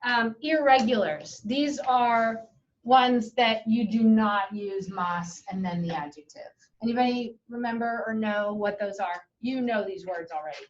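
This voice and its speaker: Woman teacher, slow-paced, fairly high voice, chatty and encouraging, muffled distant classroom recording. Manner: chatty, encouraging, mixes Spanish and English. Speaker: Spanish teacher. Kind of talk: classroom lesson.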